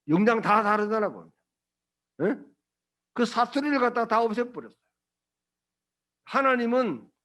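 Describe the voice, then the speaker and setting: High-voiced pastor preaching emphatically. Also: male voice. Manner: emphatic, rhetorical questions to the congregation; colloquial, blunt asides. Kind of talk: sermon.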